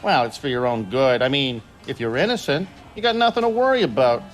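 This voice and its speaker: A man's voice: medium pitch, expressive, fairly quick, soft background music, natural voice. A man voicing a sly, mocking ventriloquist-dummy puppet in a comedy series. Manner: sly, needling. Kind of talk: sitcom puppet acting.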